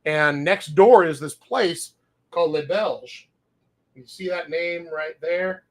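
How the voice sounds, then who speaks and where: A wine shop owner from Louisiana, USA, hosts a casual wine-tasting show, spinning rambling, chatty stories, chuckling often, and sometimes talking with his mouth full as he eats. His voice is fairly high and he takes things slowly.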